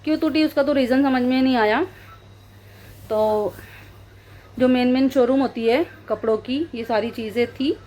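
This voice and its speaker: A woman from talking casually through her day as a vlogger, chatty and lively around children. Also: high-pitched, moderate pace, pauses often. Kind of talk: casual vlog narration. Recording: phone recording with street noise.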